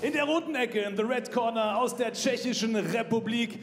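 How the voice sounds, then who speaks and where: High-pitched hyped-up male ring announcer, echoing hall. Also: slight background noise. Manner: showy fight-promoter hype, drawn-out shouted names. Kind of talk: bilingual boxing ring announcement. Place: boxing ring in a large event hall. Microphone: handheld microphone. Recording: echoey hall PA, music behind.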